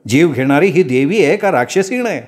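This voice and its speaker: A man voicing a rational young village man who questions his elders quickly and pointedly. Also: fairly high pitch, expressive, pitched above the performer's own voice. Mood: challenging. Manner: quick, challenging. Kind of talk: dramatic storytelling.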